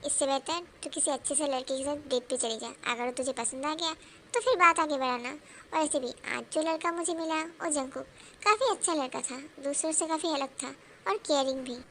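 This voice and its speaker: A woman voicing a frank young woman gives earnest advice to a friend. Her voice is very high. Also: a little fast, a bit bright, slight background noise. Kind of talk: fan dub drama.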